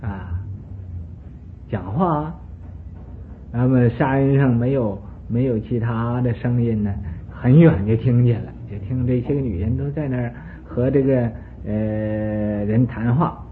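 A male Buddhist teacher tells a sermon story in a lively way, adding asides to his listeners. His voice sits at a middle pitch. The sound is thin and phone-like, with a faint hiss behind it. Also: measured pace.

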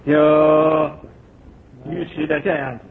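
A man giving a Buddhist sutra lecture, explaining slowly and filling pauses with drawn-out syllables. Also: on the high side, little pitch movement, gravelly, a crowd in the background. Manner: slow explanatory, many drawn-out filler syllables. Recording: tinny lo-fi recording with audience.

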